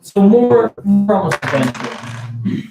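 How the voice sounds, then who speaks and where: A man's voice: high-pitched, big pitch swings, a little slow, creaky, over loud music. A young man narrating as game master of a tabletop game, rambling with lots of fillers. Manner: rambling, full of fillers and laughs. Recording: echoey room, distant mic, noise.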